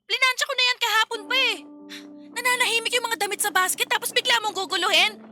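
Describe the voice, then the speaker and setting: A woman's voice: very high voice, fairly even intonation, fast talker, over music. A woman playing a tired working wife in a radio drama, scolding in a stream of exasperated complaints. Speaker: lead character in a radio drama.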